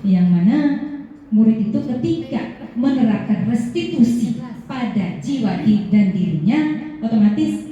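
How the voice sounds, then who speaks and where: A woman's voice: on the high side, expressive, unhurried, mellow. A woman teacher giving an earnest explanatory presentation to fellow teachers. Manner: earnest, explanatory, addresses audience as Bapak Ibu. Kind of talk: classroom presentation. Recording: roomy hall, voice from far off, dull sound.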